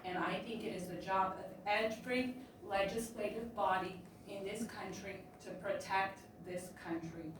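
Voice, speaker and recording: A woman's voice: mid-range voice, fairly even intonation, moderate pace, few pauses, noisy background. A woman from Romania giving emphatic, at times sarcastic public testimony at a hearing. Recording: echoey hearing room from far off.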